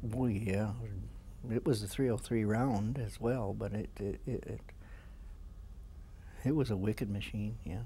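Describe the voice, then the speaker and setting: An elderly Canadian man in his seventies, a veteran remembering his service in an interview in a halting, plain-spoken way. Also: fairly low pitch, fairly even intonation, mellow, breathy edge. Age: 70s. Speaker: war veteran being interviewed. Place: small indoor room with flags. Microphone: lapel mic.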